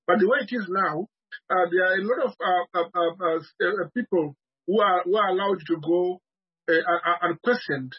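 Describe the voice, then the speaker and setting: A man comes through a remote video call, his voice high and husky. The line is dull and lo-fi and keeps cutting out. He speaks assertively but halts often on fillers. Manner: assertive, with many halting 'uh' fillers. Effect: remote video call audio. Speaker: political party guest. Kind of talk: call-in interview answers. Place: remote, calling in from abroad. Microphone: computer call microphone.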